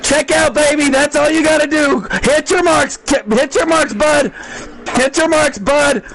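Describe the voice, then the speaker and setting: A man giving live race commentary as an excited, shouting motorsport announcer, repeating phrases urgently and openly cheering on a driver. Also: very high-pitched, measured pace, rough recording.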